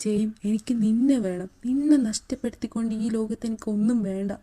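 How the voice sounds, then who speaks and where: A woman's voice: a little high, fairly quick, mellow, close to an everyday voice. A woman playing a protective young husband. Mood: pleading. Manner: pleading, tender. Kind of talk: fan audio drama.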